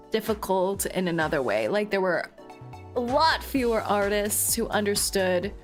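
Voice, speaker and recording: A woman chatting casually on a livestream to her viewers, with a playful, cute anime-streamer delivery. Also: medium pitch. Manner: playful, giggly. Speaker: VTuber streamer.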